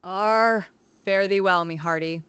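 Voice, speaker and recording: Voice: medium pitch, slow pace, fairly bright tone, clean tone, no echo, lo-fi sound. A text-to-speech voice playing a jolly pirate-talking AI assistant, full of hearty pirate slang. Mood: hearty farewell.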